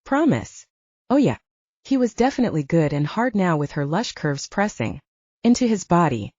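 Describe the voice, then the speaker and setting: A woman narrating a romance audiobook in an expressive storytelling manner. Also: fairly low pitch, brisk, no echo. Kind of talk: scripted narration. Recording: slightly muffled dry audiobook recording.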